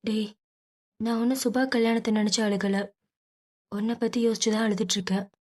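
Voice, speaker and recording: Worried mom nagging her grown son, fast and soft-toned, lady doing the voice. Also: fairly high pitch, steady tone, lightly acted. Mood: fretful. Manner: scolding, fretful. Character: worried middle-aged mother, fretful and scolding.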